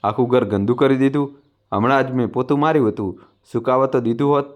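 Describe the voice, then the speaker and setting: A man's voice: medium pitch, quick pace, natural voice. A man reading the lines of a harsh, curt young daughter-in-law who speaks sharply and dismissively in a storybook narration.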